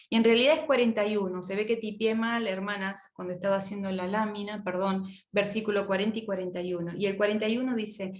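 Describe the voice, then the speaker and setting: A woman's voice: mid-range voice, a little mellow. Woman teaching a Bible study in an echoey room. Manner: reads verses aloud and speaks them as heartfelt prayers; addresses listeners directly with questions.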